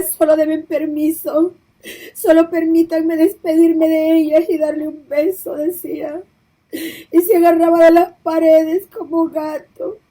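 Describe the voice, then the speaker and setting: A woman's voice: high-pitched, warm tone, low-quality recording. A woman preacher giving an emotional testimony of a vision, her voice breaking into tears as she pleads and repeats herself. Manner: repetitive, pleading storytelling.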